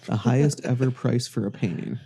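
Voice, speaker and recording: A man hosting a casual podcast chat, relaxed and telling stories and facts to his friends. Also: medium pitch, fairly quick, gravelly, a little hiss or hum. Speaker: podcast host.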